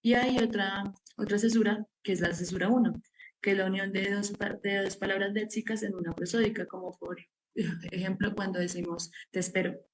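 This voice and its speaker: A woman's voice: medium pitch, steady tone, fairly quick, a little hiss or hum, low-quality recording. A woman giving an academic seminar presentation, explaining her research step by step with many filler words. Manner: explanatory, walks through steps with frequent "pues" fillers.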